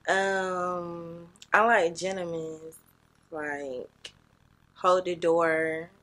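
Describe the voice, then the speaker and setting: A woman's voice: lowish voice, fairly even intonation, very slow, a bit bright. A young woman chatting casually on a podcast, hesitant and blunt, swearing freely. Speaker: podcast guest co-host.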